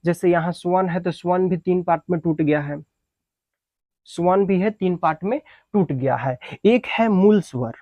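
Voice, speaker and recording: A man's voice: sits high, moderate pace, no echo, lo-fi sound. A male teacher giving a Hindi grammar lesson, who repeats each definition several times and asks and answers his own questions.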